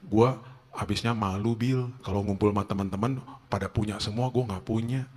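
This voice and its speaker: A sheepish young man, dropping his voice low and mumbling in casual street slang, as a preacher acts him out mid-story. He sounds like someone embarrassed about money and trying to keep up appearances. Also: fairly even intonation, brisk, a little mellow, in a large hall, lightly acted. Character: young man, sheepish status-chasing friend.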